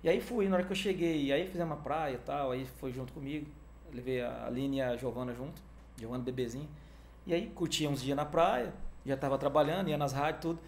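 A man telling a story in a casual interview, animated and peppered with "cara", acting out the other voices in it. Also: mid-range voice, fast talker, a little hiss or hum. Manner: animated, fills talk with "cara", acts out quoted dialogue. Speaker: guest, music manager.

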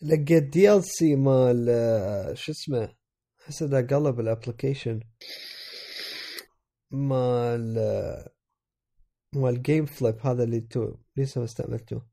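Iraqi male co-host, sick and stuffed-up, mellow creaky voice, halting casual chat. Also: mid-range voice. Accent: Iraqi Arabic. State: sick with a cold, congested, voice affected. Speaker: podcast co-host.

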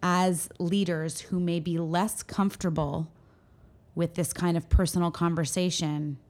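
Woman co-host, slightly low voice, chatty and playful. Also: fairly even intonation, measured pace, darkish tone. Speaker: podcast co-host. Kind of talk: casual advice chat.

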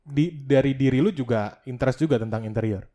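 A young man hosts a relaxed chat podcast, firing off questions with a teasing, playful edge. His voice sits at a middling pitch. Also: fairly quick. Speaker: podcast host. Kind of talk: casual chat.

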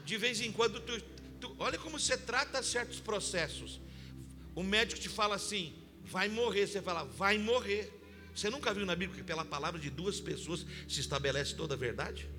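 Male pastor, high voice, sermon that climbs to shouts, church with long reverb and music. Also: animated, a little fast. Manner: preaching that climbs to shouts and sung lines. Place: church hall.

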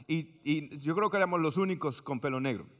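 A man preaching a humorous sermon, telling stories in an animated way and acting out voices. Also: fairly high pitch, brisk. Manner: animated storytelling, acts out voices.

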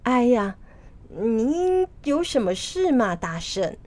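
A woman voicing a timid, deferential old male earth god who speaks slowly and softly. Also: a little high, sing-song. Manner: deferential, slow, soft.

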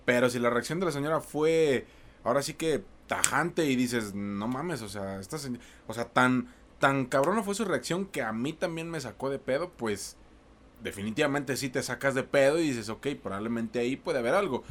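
A man's voice: mid-range voice, normal speed. A man with a Mexican Spanish accent hosting a casual podcast, slangy and joking, swearing freely. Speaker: podcast host.

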